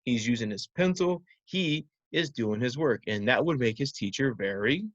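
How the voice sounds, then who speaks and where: A man's voice: medium pitch, expressive, normal speed, dry recording, highs cut off. A man teaching young children in simple, instructive phrases, often checking in with short questions. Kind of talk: simple interactive children's lesson.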